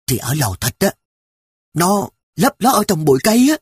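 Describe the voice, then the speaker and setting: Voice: medium pitch, sing-song, normal speed, husky, no echo, studio quality, pitched above the performer's own voice. A reader doing a bluffing young boy. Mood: conspiratorial. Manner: conspiratorial, defensive. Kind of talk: audiobook character voice.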